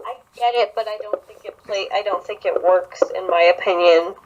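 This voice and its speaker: A woman's voice: medium pitch, fairly quick, muffled recording. A young adult woman co-hosting a podcast in casual chat, blunt and sarcastic with strong opinions. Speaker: podcast co-host.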